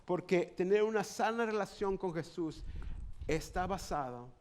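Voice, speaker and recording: High-voiced Mexican pastor preaching. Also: male voice, expressive, measured pace, a little hiss or hum. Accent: Mexican Spanish. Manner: earnest, conversational storyteller. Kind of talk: sermon with personal storytelling. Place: church auditorium.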